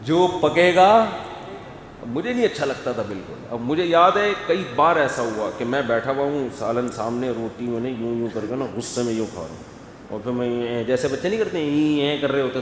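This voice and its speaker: A man preaching a sermon, animated and acting out family scenes. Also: mid-range voice, slight background noise. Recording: echoey hall, faint ambience.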